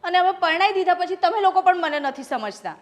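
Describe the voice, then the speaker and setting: A woman's voice: extremely high pitch, animated, a little fast. A woman playing an unhappy young married daughter and doctor, who pleads and argues with her parents in a short family drama. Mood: upset. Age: young adult. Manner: upset, pleading and defiant. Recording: long reverb with background music.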